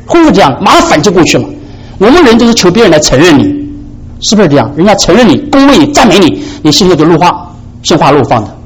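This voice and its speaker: Male preacher with husky voice, lively pitch. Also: low-quality recording. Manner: preaching with rhetorical questions to the congregation; swings between soft low asides and high emphatic peaks. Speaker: pastor. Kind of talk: sermon.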